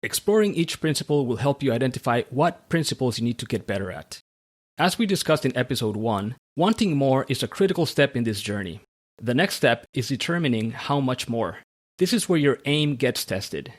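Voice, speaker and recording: A man hosts a podcast, reading his script in a steady, measured way. His voice sits at an ordinary middle pitch for a man. He moves calmly from his prepared remarks into questions for his guest. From Central America. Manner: measured, read-aloud delivery. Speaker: podcast host. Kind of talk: scripted podcast monologue and interview.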